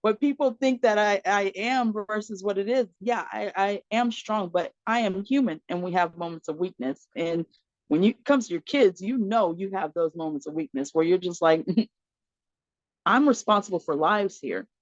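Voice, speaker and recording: A woman's voice: mid-range voice, normal speed, dry recording. Woman, podcast guest, storytelling, acts out quoted voices, laughs often, muffled lo-fi audio, dry close sound. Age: adult mother of four. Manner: animated storyteller acting out quoted dialogue; frequent laughter and fillers. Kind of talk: personal storytelling in conversation.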